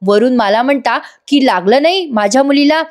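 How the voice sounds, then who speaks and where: A loud, scheming mother who complains with theatrical shrillness, as a woman reader puts her on. Her voice sits fairly high and sounds like a storybook review read aloud. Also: lively intonation, normal speed. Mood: indignant. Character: loud scheming middle-aged mother, dramatic.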